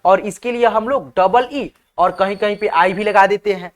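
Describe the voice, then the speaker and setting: A woman's voice: mid-range voice, moderate pace. A woman teaching a spelling lesson at a whiteboard, patiently spelling words out letter by letter and often checking that her viewers understand.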